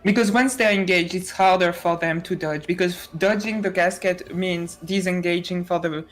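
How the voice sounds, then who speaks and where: A woman's voice: lowish voice, steady tone, moderate pace, soft background music. Woman esports caster, casual chatty commentary, frequent fillers. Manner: chatty, many fillers and restarts. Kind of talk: tournament commentary.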